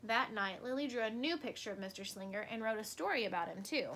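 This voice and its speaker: A woman reading a children's picture book aloud like a teacher, with expressive, emphatic storytelling. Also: fairly high pitch, fast talker, a little hiss or hum.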